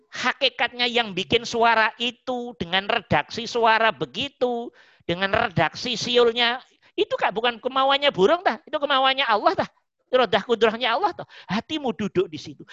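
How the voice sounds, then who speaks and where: A woman religious teacher preaches a sermon, her pitch rising and falling in lively swings. She repeats her warnings with emphasis. The recording is dry, dull and muffled. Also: dry recording.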